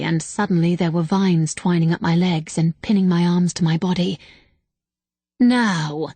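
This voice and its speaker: A woman reading a first-person audiobook narration in a steady, measured way. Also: on the low side, breathy edge, no room sound.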